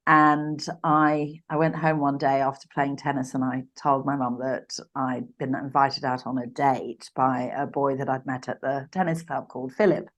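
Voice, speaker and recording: A woman in her sixties from Uganda, a podcast guest telling her life story in a reflective, halting way with frequent restarts. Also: a bass voice, level tone. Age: 60s. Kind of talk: personal storytelling in a podcast interview.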